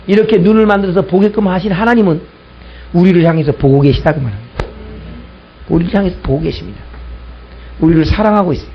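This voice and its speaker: A man's voice: sits high, slightly rough, muffled recording. A male pastor preaching a sermon, telling a story and acting out both sides of an argument, repeating key lines for emphasis.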